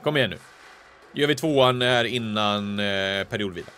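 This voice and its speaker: A man giving live, excitable commentary on his own video game play, breaking into shouts at big chances. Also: fairly low pitch, slight background noise. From Sweden. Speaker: gaming YouTuber.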